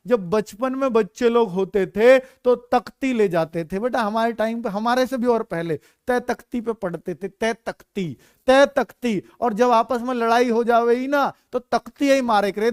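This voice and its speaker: एक पुरुष शिक्षक ऑनलाइन कक्षा में बच्चों को हिंदी वर्णमाला पढ़ा रहा है, मज़ेदार किस्से सुनाता है और बच्चों की नकल करके दिखाता है।. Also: male voice, very high-pitched, clear, resonant tone, dry recording, clean studio sound. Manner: playful, uses silly stories and acts out children. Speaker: teacher. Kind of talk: online Hindi grammar class.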